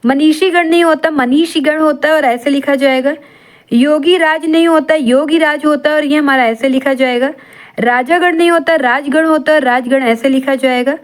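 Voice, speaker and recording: A woman teaches an exam-prep grammar lesson. She works through each item in a steady, repetitive rhythm. She poses questions and answers them herself. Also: high voice, moderate pace. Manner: steady repetitive drilling, asks and answers her own questions.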